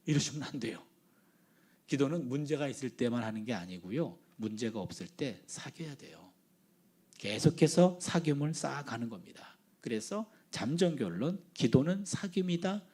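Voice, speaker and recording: A man around sixty giving a sermon as a guest preacher, telling stories in a lively way and acting out phone conversations. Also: medium pitch, moderate pace, husky. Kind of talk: sermon with storytelling.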